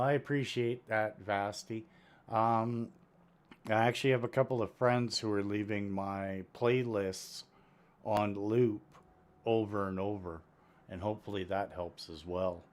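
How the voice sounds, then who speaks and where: Slow-talking man with missing front teeth. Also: on the low side. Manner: rambling, unhurried, matter-of-fact. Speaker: video game streamer. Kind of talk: casual live-stream chat while gaming. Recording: steady background noise.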